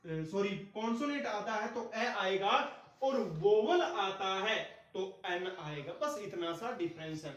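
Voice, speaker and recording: A man's voice: high voice, a bit bright. A man teaching English grammar in a classroom-style lesson. He keeps asking questions and answering them himself, and he repeats the key points. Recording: echoey room, distant from the mic.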